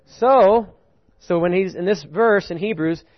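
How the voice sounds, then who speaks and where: A preacher delivers a lively, unhurried sermon in a fairly high voice, with the audience participating. He is animated, lifts his pitch on key points, chuckles between them, and checks in with listeners by asking "right?" The recording sounds dull and lo-fi.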